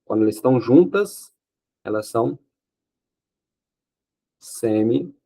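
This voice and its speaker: Husky guy teaching grammar, breaks everything down slow, asks himself questions then answers. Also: mid-range voice, lively intonation, dark tone. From Brazil. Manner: explains step by step, often checks with "ok?" and answers his own questions. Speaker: Portuguese teacher. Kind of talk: exam-prep grammar lesson.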